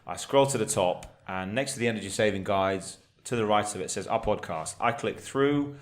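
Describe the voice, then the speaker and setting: Imagine a man with a fairly low voice co-hosting a casual podcast. He speaks thoughtfully, pausing and restarting often as he works through an explanation. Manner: hesitant, thoughtful, many ums and restarts. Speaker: podcast co-host, energy expert.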